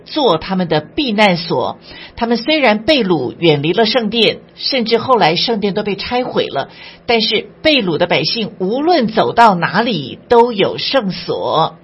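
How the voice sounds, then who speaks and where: Husky woman teaching the Bible. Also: mid-range voice. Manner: reads verses aloud, then explains them with little asides. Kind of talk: devotional Bible commentary. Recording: dull lo-fi recording.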